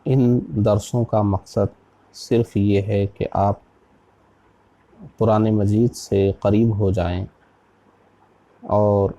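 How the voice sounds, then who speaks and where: A man from India with a lowish, mellow, dark voice gives a religious lesson on reciting scripture. He teaches slowly and deliberately, stopping to sound out single letters for his listeners. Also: little pitch movement. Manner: slow, deliberate teaching, spelling out letters one by one. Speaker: Islamic scholar teaching Quran commentary.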